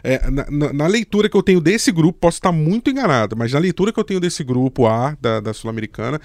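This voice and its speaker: A man giving his views on a casual sports podcast, animated and full of quick restarts. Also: a little high, no room sound. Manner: rapid, animated, hesitant restarts. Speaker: podcast panelist.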